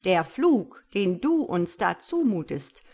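A woman's voice: mid-range voice, sing-song, slow pace, a little mellow, slightly rough, exaggerated voice. A woman voicing a pompous, preachy male bullfinch who lectures in a solemn tone. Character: pompous self-important male bullfinch, forest elder.

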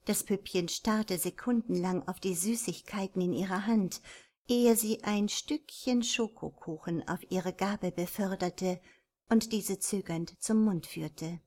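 A woman reading a romance novel aloud in a measured, even storytelling voice. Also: medium pitch. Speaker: narrator. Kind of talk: scripted audiobook narration.

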